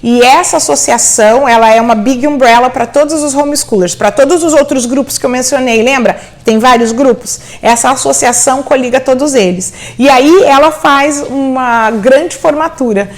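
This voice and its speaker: Her voice sits high, moving at a moderate pace with few pauses. As host, this middle-aged immigrant mother warmly cheers on parents considering homeschooling, her Portuguese sprinkled with English words.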